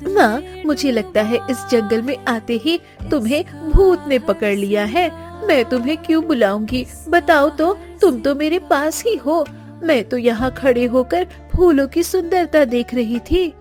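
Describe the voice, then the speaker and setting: A woman's voice: high-pitched, expressive, measured pace, darkish tone, soft background music. A woman voicing a playful, teasing younger sister in a cartoon story, with a cheeky way of talking.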